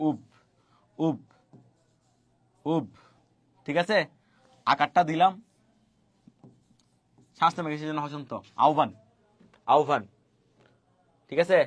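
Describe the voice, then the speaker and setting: A man's voice: on the high side, a bit bright, no echo. A man teaching pronunciation rules, repeating each point and quizzing his students. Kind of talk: fast spoken online lesson on pronunciation rules.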